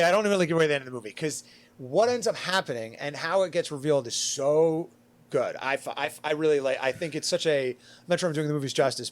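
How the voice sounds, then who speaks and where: Rambling man on a podcast panel. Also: fairly high pitch. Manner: rambling, filler-heavy retelling with acted quotes. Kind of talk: casual podcast chat.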